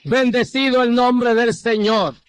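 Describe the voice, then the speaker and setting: An older man from Rico, preaching an impassioned testimony sermon and dropping low on quoted replies. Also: steady tone, unhurried, a bit bright, smooth. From Puerto Rico.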